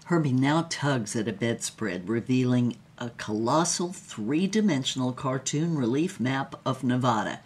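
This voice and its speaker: A woman with a very deep, expressive voice speaks unhurriedly and barely pauses. She plays a wry, brassy showgirl recounting her own story in theatrical, vivid first-person dramatized narration.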